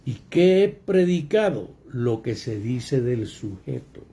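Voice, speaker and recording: A man's voice: mid-range voice, big pitch swings, slow, warm tone, breathy edge. A man giving a grammar lesson, asking rhetorical questions and stressing key points. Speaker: grammar teacher. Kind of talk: classroom lecture.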